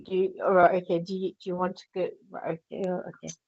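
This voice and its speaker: Talking fast in a lowish, level voice, a Yorkshire woman works as a psychic medium during a live broadcast reading, full of fillers and restarts as she thinks aloud. There's no echo, though the audio is dull and lo-fi.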